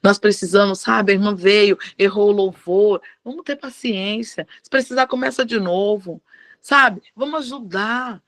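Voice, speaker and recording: Animated woman preaching a devotional sermon. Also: high-pitched, vocal fry, no echo. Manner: animated preaching, acting out quoted dialogue. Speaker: pastor.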